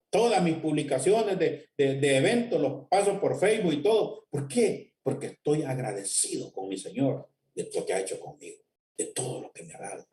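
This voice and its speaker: A man's voice: mid-range voice, warm tone, echoey room, recorded from a distance, a little hiss or hum. A man with a Honduran accent giving a fervent testimony sermon online and speaking directly to his listeners. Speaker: lay preacher giving testimony. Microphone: connected online.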